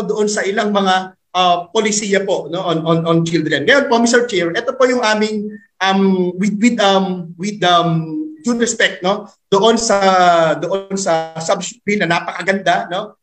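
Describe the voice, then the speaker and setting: A man's voice: high-pitched, a bit bright. A male teacher with a Filipino accent, giving formal testimony to a hearing chair, politely and with many fillers and tag questions. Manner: code-switching, frequent "no?" tag and fillers.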